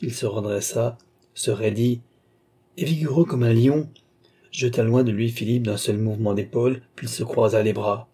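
A man reads a classic novel aloud in a measured, solemn way. His voice is dark and mellow with a husky edge. He speaks at a middling pitch. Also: fairly even intonation. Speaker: audiobook narrator. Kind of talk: scripted literary narration.

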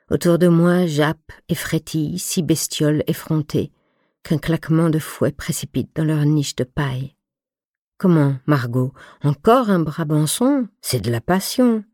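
A woman narrating a novel in the first person in a calm, measured reading voice in a recording studio. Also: sits low, no echo. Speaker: audiobook narrator. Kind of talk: scripted literary narration.

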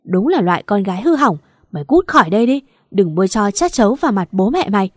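A woman's voice: medium pitch, big pitch swings, fast talker, no echo, studio quality. A woman voicing an enraged village father who bellows at his daughter with contempt.

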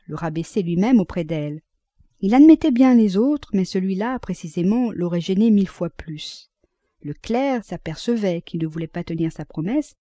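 A woman narrating a classic novel as an audiobook, reading at a measured, even pace. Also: fairly low pitch, no echo.

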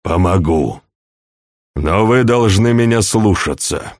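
A man voicing a shrewd, fatherly older chancellor in an audiobook, speaking in a calm, measured, persuasive way. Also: low-pitched, no room sound, studio quality, heavily acted. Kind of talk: audiobook character reading.

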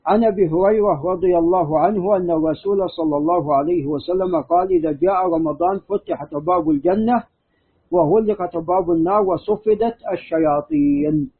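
A man with a fairly high, husky voice lectures as a scholar, walking through narrator chains in a steady, methodical way. The sound is thin and tinny, like a phone line. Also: a little fast. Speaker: hadith scholar teaching. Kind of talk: scholarly lecture with student questions.

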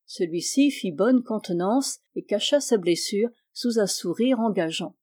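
A woman reading a classic novel aloud in an even, measured storytelling manner. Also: mid-range voice. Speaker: audiobook reader. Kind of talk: scripted narration.

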